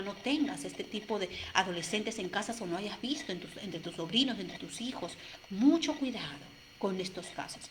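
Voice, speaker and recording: A woman's voice: fairly high pitch, sharp tone, slight background noise. A woman life coach speaking earnestly and directly to listeners in a motivational talk, often checking in with "no?".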